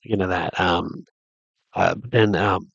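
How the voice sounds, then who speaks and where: A deep-voiced man with a gravelly edge talks through a loose, rambling monologue. His nose is stuffed up from a cold, and he circles his points with restarts and fillers. The sound is close and dry. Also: steady tone, slow pace, fairly bright tone, dry recording, highs cut off. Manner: thinking aloud, many restarts and fillers. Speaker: vlogger.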